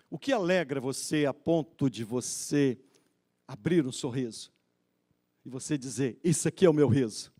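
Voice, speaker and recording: A male pastor preaching a sermon, swinging between loud exhortation and quiet, intimate questioning of the congregation. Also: medium pitch. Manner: pleading, exhorting.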